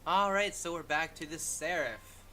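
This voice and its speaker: A man's voice: a little high, measured pace, pushed and bright. A man hosting a game walkthrough with casual commentary, thinking aloud informally.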